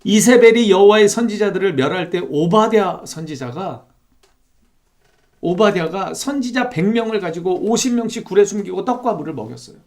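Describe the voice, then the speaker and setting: A man's voice: high voice, a little mellow. A male pastor preaching an expository sermon in a church, reading scripture aloud and asking the congregation questions. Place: church sanctuary.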